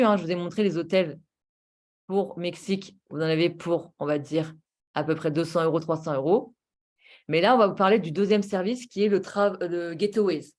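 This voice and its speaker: Woman presenter, upbeat persuasive sales pitch, talking casually through deals with lots of rhetorical questions. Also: darkish tone. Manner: enthusiastic, persuasive, full of rhetorical questions and fillers. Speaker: presenter of a travel booking platform. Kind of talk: casual sales presentation over screen share.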